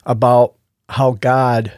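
A man's voice: mid-range voice, level tone, takes it slowly, a little mellow, smooth, dry recording, clean studio sound. A middle-aged man with toothless, lisping speech, talking earnestly and casually as a podcast co-host giving a personal testimony. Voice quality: toothless, lisping speech after oral surgery.

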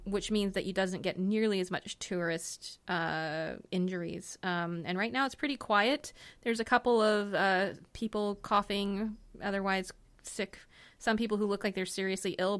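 A woman game master narrating a tabletop game in a loose, chatty way, drifting through fillers as she sets each scene. Her voice is smooth and clear at an ordinary middle pitch. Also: fairly bright tone.

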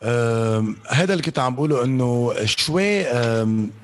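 A man's voice: mid-range voice, lively intonation, moderate pace, slight background noise. A Lebanese man in a casual interview, mixing Arabic with English phrases and often searching for the right word. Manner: searches for words mid-sentence. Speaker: interview guest, on-air programme presenter.

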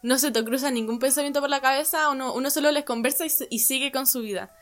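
A woman, talking quickly in casual chat. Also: high voice, fairly bright tone.

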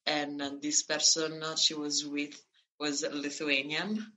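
An Italian-born woman in her thirties talks slowly and hesitantly, full of fillers and restarts. Her voice sits a little low but sounds bright and forward. She is a guest in an easygoing interview. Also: flat delivery, poor audio. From Italy. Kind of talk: conversational interview.

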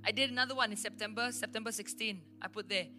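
A woman's voice: a little high, quick pace. A woman pastor with a Malaysian English accent, preaching and telling stories emphatically at a church service. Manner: emphatic, animated storytelling. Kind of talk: sermon storytelling. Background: faint instrumental worship music.

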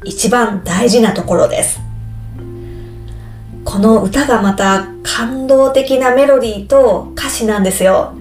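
A woman explaining a topic slowly and simply, like a teacher speaking to language learners. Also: on the high side, darkish tone, echoey room, faint music behind. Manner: slow, clear, explaining simply with repetitions. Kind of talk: slow explanatory podcast talk.

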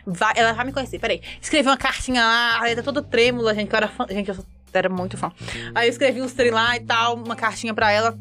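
Fast-talking high-voiced Mineira woman. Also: soft background music. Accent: Mineiro Brazilian Portuguese. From Montes Claros, northern Minas Gerais, Brazil. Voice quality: animated, self-dramatizing, quotes others in lively voices. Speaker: guest. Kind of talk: casual storytelling chat.

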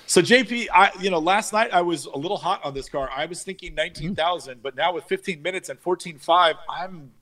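A man's voice: high-pitched, brisk, hardly any pauses, a bit bright. A man co-hosting a car auction talk show, wisecracking and laughing often in casual banter.

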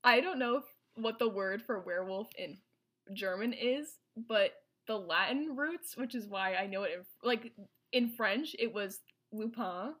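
A woman's voice: on the high side, measured pace, a bit bright. Rambling woman recapping a film. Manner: rambling, many fillers and restarts. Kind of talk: casual chat.

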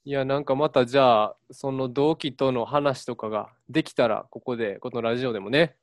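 A man with a Kansai accent chats casually as a radio co-host. His pitch is mid-range and he plays the teasing straight man. The sound is close and dry, with little room in it. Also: no echo.

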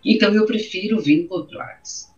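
This is personal interview testimony from a middle-aged woman with a Brazilian accent, her mid-range voice a little mellow and at normal speed. She speaks emotionally and repeats phrases, on audio that is dull and muffled.

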